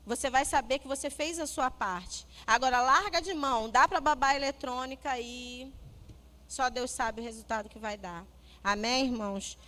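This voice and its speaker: High-voiced Brazilian woman giving a church talk. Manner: lively storytelling, acts out family dialogue. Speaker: guest speaker, psychologist.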